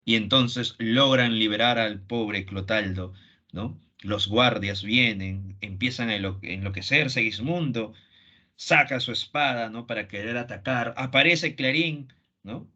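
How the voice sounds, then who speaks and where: Husky Peruvian teacher retelling a play. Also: male voice, medium pitch, a little slow, sharp tone. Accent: Peruvian Spanish. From Peru. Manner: acts out quoted lines, tag questions. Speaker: literature teacher. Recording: dull lo-fi recording.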